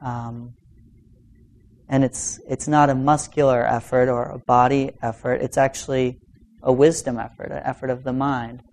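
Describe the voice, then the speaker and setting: A man teaching meditation in an informal dharma talk, speaking in a halting, reflective way with long pauses. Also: medium pitch, flat delivery, gravelly, darkish tone. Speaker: meditation teacher giving a talk to a practice group.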